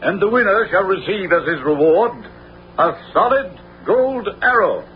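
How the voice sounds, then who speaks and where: A lo-fi radio adventure recording presents a greedy, pompous villain of a sheriff. His fairly high voice swoops with bluster and vengeful grandeur. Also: sing-song, unhurried. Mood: grandiose. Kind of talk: theatrical radio adventure acting. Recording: dull, lo-fi radio recording with faint noise.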